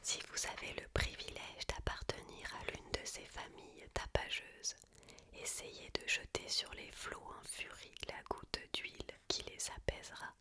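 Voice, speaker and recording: A woman reads a book aloud as ASMR in a hushed, unvoiced library whisper, phrasing each sentence with care. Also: a little slow. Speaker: ASMR reader.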